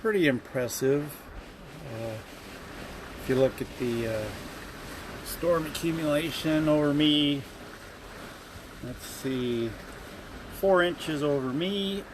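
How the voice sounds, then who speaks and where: A man giving casual, halting weather commentary from inside an RV, thinking aloud as he goes. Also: medium pitch, noisy background. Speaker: amateur storm watcher. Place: inside an RV during a storm.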